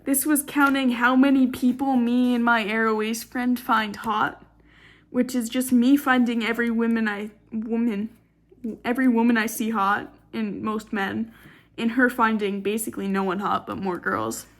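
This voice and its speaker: A woman's voice: a little high, fairly even intonation, moderate pace. Tired, rambling young woman. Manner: rambling and jokey, with swearing and sarcastic asides. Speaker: artist showing her sketchbook. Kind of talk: casual late-night sketchbook tour. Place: indoors, dim room at night.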